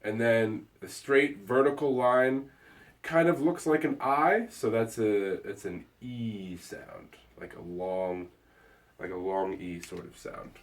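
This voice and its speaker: A man's voice: mid-range voice, far from the mic. Man teaching, heard from afar. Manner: relaxed, halting explanation with fillers. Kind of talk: casual classroom lesson.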